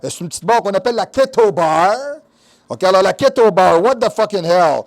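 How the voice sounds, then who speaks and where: Québécois guy hosting a fitness show, high voice for a man, joking and crude, lots of teasing asides. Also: brisk. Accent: Québécois French. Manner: instructive coaching during exercise demo. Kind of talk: comedic fitness show monologue.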